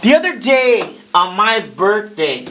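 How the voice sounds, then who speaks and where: A man's voice: high-pitched, big pitch swings, slow, fairly bright tone. A man in his fifties hosting a podcast with casual comic storytelling, profane and rambling, mixing in Spanish slang. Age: 50s. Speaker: podcast host.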